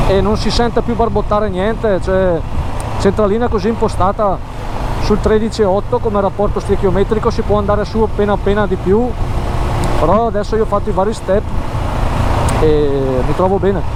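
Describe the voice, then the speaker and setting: A high-pitched male voice, speaking inside a helmet on a moving motorcycle. Engine noise runs clearly behind him as he chats casually to viewers, often doubling back on his words. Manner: halting, repeats phrases. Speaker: motorcycle vlogger. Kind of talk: casual motovlog commentary while riding. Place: outdoors, riding a motorcycle. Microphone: helmet microphone.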